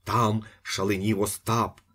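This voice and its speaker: A man reading a novel aloud as an audiobook, with expressive storytelling narration. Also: on the low side, a little slow. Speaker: audiobook reader. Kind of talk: scripted narration.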